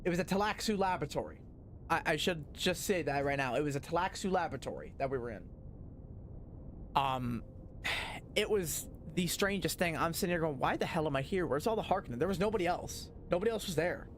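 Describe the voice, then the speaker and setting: A man hosting a gaming channel, recapping his playthrough in a rambling, profane, excitable way with plenty of fillers. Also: fairly high pitch, brisk, a little hiss or hum. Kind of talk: casual game recap.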